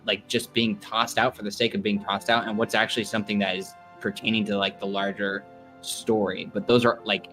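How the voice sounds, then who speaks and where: A man's voice: on the low side, a bit bright. A man co-hosting a casual stream chat, rambling with lots of fillers. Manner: rambling, heavy use of "like". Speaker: stream co-host.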